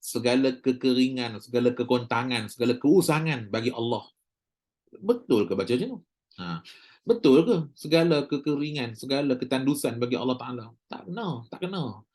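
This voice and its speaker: With a darkish, expressive mid-range voice at normal speed, a Malaysian Malay-accented man delivers a casual recorded recitation lecture. He's chatty and joking, drawing out sounds to model them for the class.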